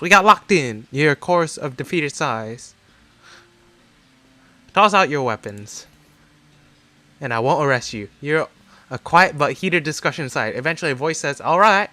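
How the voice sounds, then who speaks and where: A man's voice: mid-range voice, pushed and bright. A man streaming a game, reading its dialogue aloud with jokey asides. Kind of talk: casual game playthrough. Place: home streaming setup. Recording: dry close mic with faint game music.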